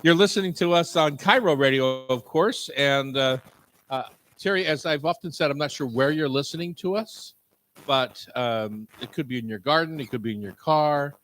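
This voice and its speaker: A man hosting a live radio show from a kitchen before an audience, chatting and joking in a relaxed way. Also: on the high side, moderate pace, slight background noise, low-quality recording.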